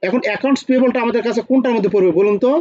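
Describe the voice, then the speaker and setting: A man's voice: very high-pitched, very fast, a little mellow, no echo, muffled recording. A man with a Bangladeshi Bengali accent teaching an online accounting class, often asking students questions and repeating key points.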